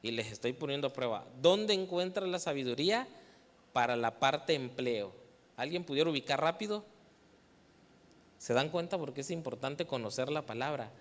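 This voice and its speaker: A man's voice: medium pitch, animated, moderate pace. A man with a Mexican Spanish accent preaching to a youth meeting, asking the audience questions, waiting for their answers and teasing them playfully. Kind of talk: sermon. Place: church hall. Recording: reverberant church hall.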